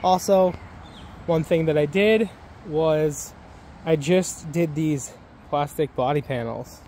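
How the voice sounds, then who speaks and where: A man in his thirties talks slowly and easily, rambling with fillers in a slightly high voice. He films himself on a handheld camera out in a yard, with faint outdoor sound behind him. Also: darkish tone, a little hiss or hum. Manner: laid-back, rambling with fillers. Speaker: vlogger. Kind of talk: casual vlog walkthrough. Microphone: handheld camera at arm's length.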